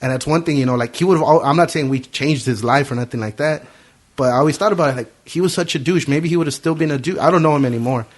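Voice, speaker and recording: A man hosting a podcast, telling a story in casual profane chat and acting out the quotes. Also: on the high side. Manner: quick, profane anecdote telling with acted quotes. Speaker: podcast host.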